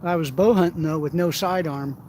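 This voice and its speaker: A man's voice: on the high side, brisk, a little mellow, a little hiss or hum. Profane, rambling middle-aged man outdoors. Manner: profane, rambling anecdotes with frequent laughs. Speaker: outdoors vlogger. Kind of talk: casual storytelling while shore fishing. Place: outdoors by the water.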